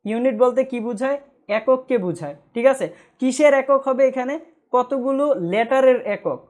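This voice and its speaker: A woman's voice: high voice, darkish tone. Woman drilling a grammar class. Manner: asks the class questions and answers them herself; repeats key points slowly. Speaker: English grammar teacher. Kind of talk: online grammar lecture.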